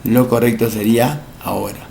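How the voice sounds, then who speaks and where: A male language teacher, giving a recorded lesson for entrance exams, explaining slowly, repeating each word and asking rhetorical questions. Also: mid-range voice, steady tone, gravelly, mellow, slight background noise.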